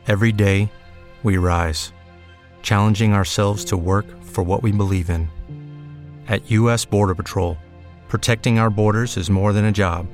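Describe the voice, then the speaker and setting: A man voicing a scripted recruitment commercial in an earnest, measured way. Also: fairly low pitch, steady tone. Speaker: ad announcer. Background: music.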